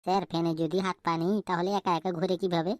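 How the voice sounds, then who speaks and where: A woman's voice: lowish voice, flat delivery, fast talker, a little mellow, dry recording, studio quality, close to an everyday voice. A woman voicing a cheeky, flippant schoolboy in a cartoon. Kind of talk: cartoon voice acting.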